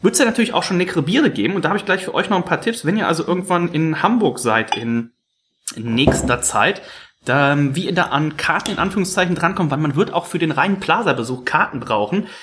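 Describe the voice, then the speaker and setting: A man hosting a casual podcast, telling rambling, animated stories. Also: fairly high pitch, brisk. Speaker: podcast host. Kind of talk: casual chat.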